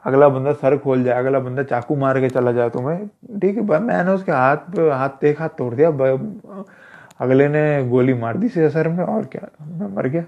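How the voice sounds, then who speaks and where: In a dull lo-fi recording, a man with a mid-range voice talks at a normal speed about self-defense, chatting like an instructor offering casual advice. He repeats points and keeps addressing the listener as "brother."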